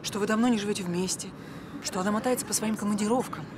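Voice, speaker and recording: A woman's voice: mid-range voice, steady tone, quick pace, close to an everyday voice. A middle-aged actress playing a hurt, strong-willed mother in a naturalistic screen drama, speaking curtly and reproachfully. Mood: angry, hurt. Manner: curt, reproachful. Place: outdoors at a bus station. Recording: clear outdoor traffic noise.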